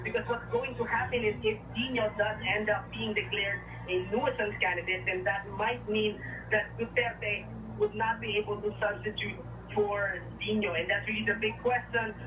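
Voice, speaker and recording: Female press scrum reporter, unscripted and halting, noisy distant live feed. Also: medium pitch, steady tone, narrow, tinny audio. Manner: halting, searching for words as events unfold. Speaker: field news reporter. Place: crowded office building hallway indoors. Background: commotion of a media scrum.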